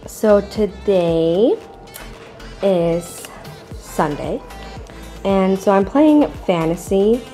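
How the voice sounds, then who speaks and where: Young mom vlogging at home, music under. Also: female voice, mid-range voice, extremely slow, pauses often, warm tone. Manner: whispering so the baby can sleep. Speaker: vlogger and mother. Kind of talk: casual home vlog.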